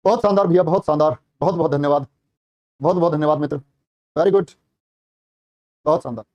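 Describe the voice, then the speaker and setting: A man teaching a live online exam class, quizzing students quickly and repeating every answer. His voice sits high and mellow, and his talk is rapid. The sound is dry and close, with no room around it. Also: dry recording, muffled recording. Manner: encouraging praise, calls students brother and child. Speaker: Hindi teacher for police exam prep.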